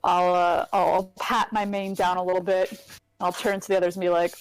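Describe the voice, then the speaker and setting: A woman's voice: lowish voice, flat delivery, normal speed, smooth, dry recording, soft background music, rough recording. A woman chatting casually as a player in a tabletop fantasy game.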